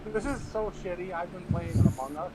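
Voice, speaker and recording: A man in his late thirties, a guest chatting casually on a stream, laid-back and quick to laugh. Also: high-pitched. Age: 30s. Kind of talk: casual chat. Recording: heavy background noise.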